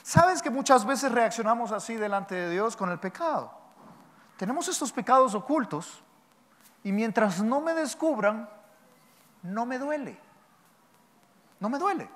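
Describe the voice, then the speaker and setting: A man preaching a sermon as pastor, animated and teasing his congregation with rhetorical questions. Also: very high voice. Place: church hall. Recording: long church hall reverb.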